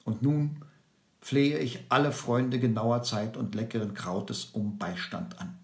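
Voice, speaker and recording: Slow, theatrical male storyteller. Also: steady tone, gravelly. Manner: slow, theatrical, dropping low for dread. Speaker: narrator. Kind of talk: audiobook storytelling. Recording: roomy, with guitar music.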